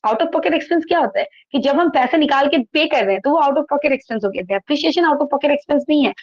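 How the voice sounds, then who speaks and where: A woman's voice: sits high, expressive, normal speed, no echo, lo-fi sound. A woman teaching accountancy in an online class, reading from the textbook and explaining each point, asking and answering her own questions. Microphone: laptop microphone.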